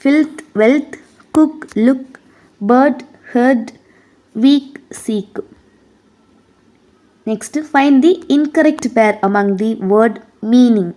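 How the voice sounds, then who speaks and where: A woman with a Tamil accent teaching an exam prep lesson, reading English questions slowly and explaining them in quick Tamil. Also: high voice, warm tone.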